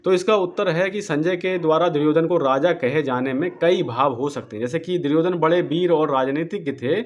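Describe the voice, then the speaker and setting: Man glossing Sanskrit verses slowly. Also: fairly high pitch, highs cut off. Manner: slow deliberate word-by-word glossing of Sanskrit. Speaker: Gita book presenter. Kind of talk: explanatory book walkthrough.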